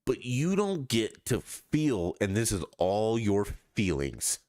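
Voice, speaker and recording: A man's voice: on the low side, sing-song, slow pace, a little mellow, no room sound. A man hosting a podcast, talking in a blunt, profane, scoffing monologue with mocking quoted asides. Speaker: podcast host. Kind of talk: casual opinion monologue.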